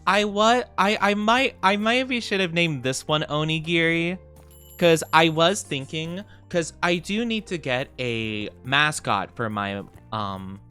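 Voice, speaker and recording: A male game streamer chats casually with his viewers over soft music. His pitch swings freely up and down as he gushes thanks and greetings. He is bubbly and cutesy, often cooing. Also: expressive, slow pace, clean tone. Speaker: VTuber streamer host. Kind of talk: casual livestream chat while playing a game.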